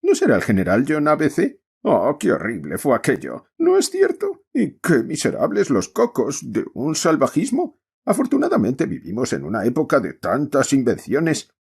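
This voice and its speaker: A man reading aloud voices an excitable society lady who gushes in breathless exclamations. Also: medium pitch, drawn-out words, creaky, hardly any pauses, slightly rough, voice pushed up, full character voice. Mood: gushing. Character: excitable gossiping society lady, gushing and shrill.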